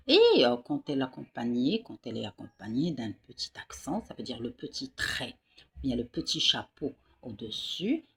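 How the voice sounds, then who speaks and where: Patient male reading teacher for young kids: husky voice, very animated pitch, repeats each syllable. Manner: addresses pupils warmly as dear students. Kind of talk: reading lesson for young children.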